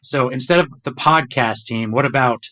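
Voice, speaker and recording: With slight background noise in his home closet, a man hosting a podcast reads a scripted opening, then chats eagerly with his team. His mid-range voice has a sharp tone at a normal speed, and he is enthusiastic and self-deprecating, often tripping over words.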